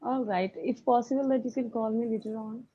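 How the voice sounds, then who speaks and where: A woman's voice: a little high, brisk, husky. Polite woman practicing English. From India. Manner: hesitant, polite, asks for repeats. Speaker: English learner on video calls. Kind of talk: casual conversation practice. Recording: dull lo-fi online call audio.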